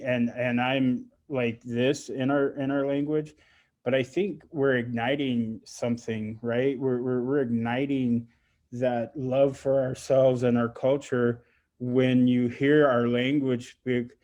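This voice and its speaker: Man, middle-aged, from Alaska, emotional, halting, heartfelt panel remarks. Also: mid-range voice, steady tone, a little mellow. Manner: emotional, halting, many restarts.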